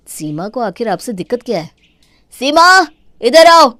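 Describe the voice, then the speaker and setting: A woman voicing an angry young man who scolds and shouts at his wife for his mother's sake in a cartoon. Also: medium pitch, lively intonation, moderate pace, no room sound, close to an everyday voice. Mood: scolding.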